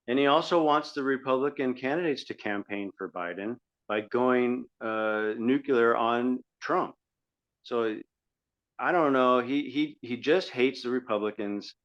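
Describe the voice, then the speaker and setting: A male podcast co-host delivers argumentative, critical political commentary in a conversational style. His voice is mid-range, unhurried, and fairly bright, heard through dull lo-fi audio.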